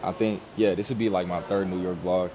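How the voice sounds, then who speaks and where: A man's voice: deep voice, fairly even intonation, brisk, background noise. A young man casually vlogging to camera in a laid-back, slangy way. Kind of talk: casual vlog talk to camera. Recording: background music throughout.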